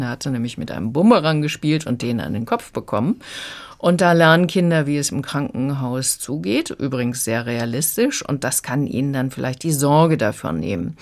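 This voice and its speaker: A woman giving a friendly, explanatory radio review of a children's audiobook. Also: low voice.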